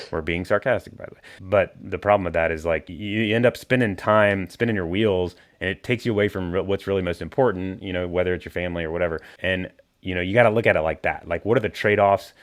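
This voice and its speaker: A man hosting a podcast in a relaxed, rambling way, full of fillers. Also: low-pitched, quick pace. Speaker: podcast host. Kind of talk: casual podcast conversation.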